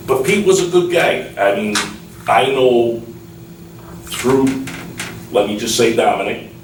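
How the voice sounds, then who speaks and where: A man chats casually as an interview guest, halting and often repeating himself. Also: lowish voice. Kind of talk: casual reminiscing interview chat. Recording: roomy, distant mic with clear background noise.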